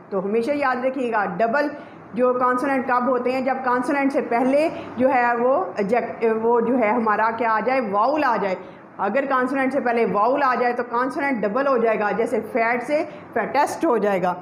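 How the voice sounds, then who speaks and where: Woman teacher going over grammar rules, high voice, echoey room, bit of hiss behind her. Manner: repeats points and asks questions to the class. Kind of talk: explaining a grammar lesson to students. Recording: echoey room with faint background noise.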